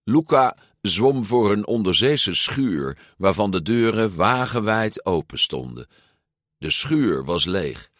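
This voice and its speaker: Low-voiced male audiobook narrator, unhurried, lively intonation, dry close mic. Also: no echo. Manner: measured, expressive read-aloud. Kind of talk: storybook reading.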